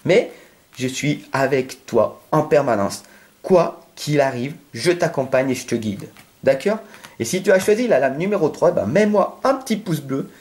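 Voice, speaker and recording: An animated, fairly high-pitched man with a darkish tone speaks at normal speed. He's a French-accented tarot reader doing a card reading for the viewer, earnest and insistent, with frequent "d'accord?" check-ins.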